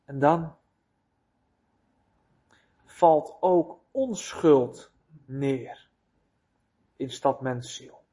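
A male preacher delivers a sermon with slow, weighty emphasis. He puts rhetorical questions to his listeners and lets his words land one at a time. His voice sits at an ordinary middle pitch. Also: warm tone.

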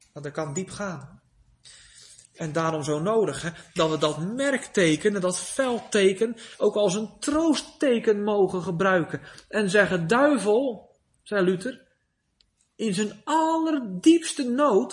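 Preacher guy, pretty high voice, goes quiet then loud and pleading. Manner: rises to loud emphatic pleading, drops to soft near-whisper. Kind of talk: sermon.

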